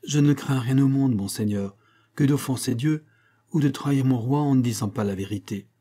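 A man gives voice to an upright mountain man in an audiobook, answering a king with earnest, steadfast conviction. The voice stays warm and mellow with a husky edge. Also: mid-range voice, normal speed, close to an everyday voice. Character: honest, unflinching mountain man, upright commoner. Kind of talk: audiobook character reading.

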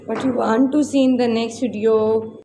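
Mellow woman in an echoey room. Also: on the high side, fairly even intonation, normal speed. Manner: effusive, repetitive. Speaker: YouTube host. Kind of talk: casual scripted-style video voice-over with repeated phrases. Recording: roomy echo, faint background noise.

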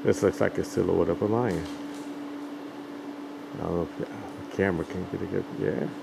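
Deep gravelly man narrating his cave video. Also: fairly even intonation, moderate pace. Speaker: tourist filming his own video. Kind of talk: casual vlog commentary. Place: inside a show cave, behind a handheld camera. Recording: noisy cave ambience.

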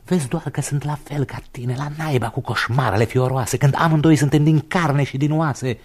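An actor playing a blunt, brash young man, the hero's friend, in a radio drama, loud and emphatic. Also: mid-range voice, sing-song, lightly acted. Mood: insistent. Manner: emphatic, shouting at times.

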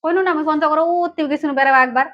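A woman's voice: high-pitched, steady tone, very fast, dull audio. A woman from Panchagarh, Bangladesh, speaking with a Panchagarh regional Bengali accent in a chatty, casual vlog, talking straight to her viewers. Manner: chatty, addresses viewers directly. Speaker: vlogger.

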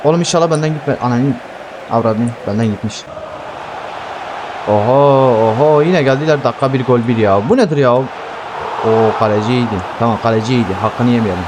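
Man, gameplay commentary, excitable, swears a lot, game noise in the background. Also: medium pitch, fairly quick. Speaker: gaming YouTuber playing football career mode.

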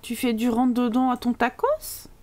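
A woman's voice: on the high side, big pitch swings, normal speed, darkish tone. A woman streamer giving live gameplay commentary, chatting with viewers in a teasing, sarcastic way.

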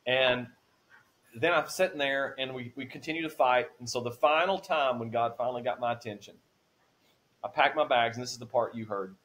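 A man's voice: medium pitch, a little fast, a bit bright. Man in his 40s telling his faith story on a podcast, earnest, voice goes up when it gets emotional. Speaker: podcast guest. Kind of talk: emotional testimony.

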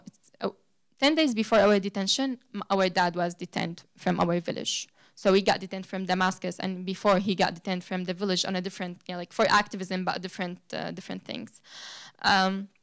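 A young woman speaks in a smooth, clear voice of ordinary pitch. She tells her story earnestly to a seated audience through a handheld microphone, pausing on fillers and restarting phrases as she goes. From Syria. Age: young adult. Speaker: guest speaker. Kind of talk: personal account at a public talk. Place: lecture room with a seated audience.

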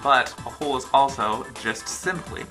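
Young male co-host, mid-pitched, casual playful debater, music clearly behind him. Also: normal speed. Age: young adult. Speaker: video co-host. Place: small living room, indoors on a sofa.

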